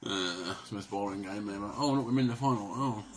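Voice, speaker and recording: A young Englishman who is losing his voice rambles jokily to camera in a small, dim living room, narrating himself in the third person. His voice is lowish and a little fast, picked up at close range by a webcam or phone camera, with background noise. He's a vlogger doing casual self-commentary.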